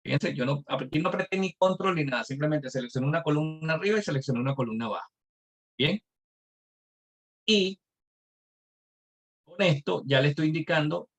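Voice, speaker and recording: A man's voice: medium pitch, a bit bright. A male instructor teaching a live online class, explaining patiently step by step with examples.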